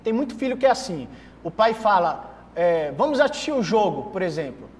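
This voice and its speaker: Young psychologist dude on tv, high voice jumping all over, echoey studio. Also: male voice, big pitch swings, fairly quick, a little mellow. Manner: explanatory, acts out thoughts in quotes. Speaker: psychologist guest. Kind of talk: explaining in a TV interview. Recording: reverberant studio with faint noise.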